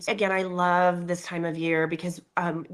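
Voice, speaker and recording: A woman's voice: fairly low pitch, level tone, moderate pace. A woman co-hosting a casual talk show, chatting in an effusive, enthusiastic way. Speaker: show co-host. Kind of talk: casual chat with wellness tips.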